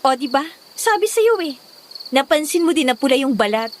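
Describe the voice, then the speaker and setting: An actress playing a determined, skeptical young woman doctor who argues calmly and rationally. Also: high-pitched, normal speed, a little hiss or hum. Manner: rational, persuasive.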